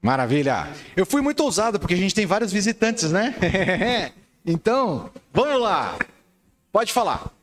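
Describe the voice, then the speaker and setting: A middle-aged man with a Brazilian Portuguese accent leads a playful, animated sermon. His voice sits a little high and swings widely in pitch as he jokes with the congregation, then turns to teaching. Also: measured pace. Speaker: pastor. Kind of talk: lively sermon with audience game.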